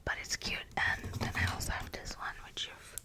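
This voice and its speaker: A woman whispering close to the microphone, chatting in a rambling way and correcting herself as she goes. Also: moderate pace. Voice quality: soft unvoiced whisper. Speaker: ASMR creator. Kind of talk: whispered ASMR movie recommendations. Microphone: close ASMR microphone.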